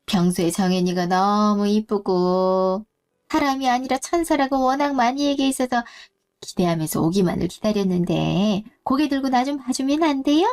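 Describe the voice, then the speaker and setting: A woman's voice: high-pitched, a little mellow, lightly acted. A woman voicing a flustered, fussy middle-aged mother in a story drama. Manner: fussy, exclaiming.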